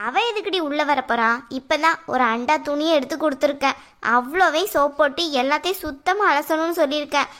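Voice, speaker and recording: A woman with a high voice plays a scheming aunt in a family drama. She gives orders in a bossy, conspiratorial way. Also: fairly quick, fairly bright tone. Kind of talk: Tamil family drama acting. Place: indoors at home.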